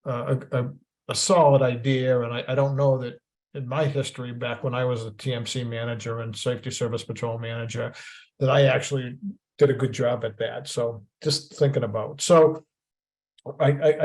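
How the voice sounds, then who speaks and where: A man from the Boston area with a Boston accent hosts a casual, moderated webinar over a video call. His voice is medium-pitched and darkish, and he rambles and jokes, often restarting his sentences.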